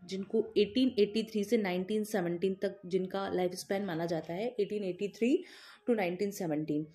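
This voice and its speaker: A woman's voice: medium pitch, mellow. A woman teacher, giving an exam-focused literature lecture that mixes Hindi and terms, asking questions and answering them herself. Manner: explains in Hindi with many English terms and filler pauses; repeats key points, asks and answers her own questions.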